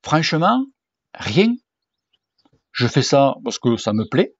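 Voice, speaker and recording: A man's voice: medium pitch, big pitch swings, slow, husky, no room sound. A man in his forties with a regional French accent, answering viewer questions in a casual vlog, blunt and slangy and swearing freely. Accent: French, southern regional. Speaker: cycling YouTuber and sports coach. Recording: dull dry home recording.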